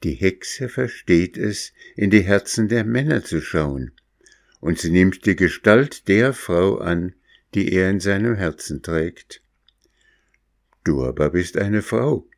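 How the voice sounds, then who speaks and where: A man voicing a kindly old grey fisherman in a fairy tale, slow and fatherly. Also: on the low side, animated, creaky, no echo, studio quality, voice pushed up. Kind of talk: storybook reading.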